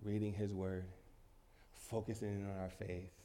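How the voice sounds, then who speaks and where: A man preaching a sermon to his congregation as pastor while he has a cold. He swings between loud emphasis and quiet asides and laughs easily. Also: on the low side, level tone, normal speed, slight background noise. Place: church in front of a congregation.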